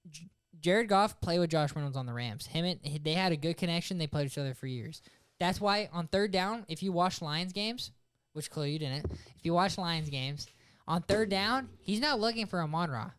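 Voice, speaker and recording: A man's voice: a little high, lively intonation, normal speed, a bit bright, smooth. A man in his twenties co-hosting a casual sports podcast, brash and argumentative, swearing often. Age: 20s. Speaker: podcast co-host.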